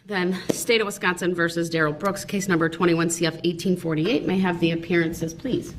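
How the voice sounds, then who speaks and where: A woman's voice: fairly low pitch, fairly even intonation. Firm woman judge in a courtroom recording. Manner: firm, measured, procedural. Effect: courtroom recording played back. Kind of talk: formal courtroom instructions and rulings. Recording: echoey, distant, noisy courtroom recording.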